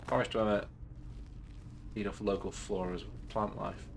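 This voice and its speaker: A man's voice: on the low side, level tone, unhurried, gravelly, slight background noise. A man casually commenting while playing a game, chatty and swearing as he thinks aloud. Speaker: streamer.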